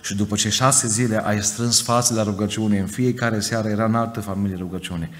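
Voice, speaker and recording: A man's voice: on the low side, fairly even intonation, a bit bright. A man from Romania preaching an emphatic Pentecostal sermon to a congregation, acting out quoted voices. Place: church. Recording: church hall reverb, faint noise.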